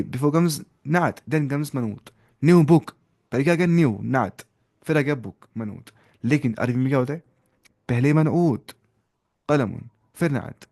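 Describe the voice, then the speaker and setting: A man's voice: mid-range voice, darkish tone. A young man teaching an Arabic grammar class to students, explaining each step, asking questions and mixing in English terms.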